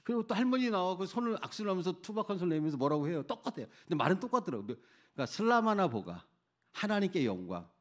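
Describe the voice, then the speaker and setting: A middle-aged man, a missionary preacher, telling a personal testimony in a sermon, swinging from loud outbursts to hushed near-whispers. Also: high-pitched, lively intonation, rapid-fire. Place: church sanctuary.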